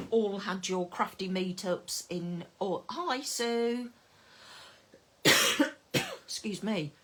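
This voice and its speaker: A middle-aged woman, chatting casually on a craft live stream and greeting viewers by name. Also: mid-range voice. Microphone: phone camera.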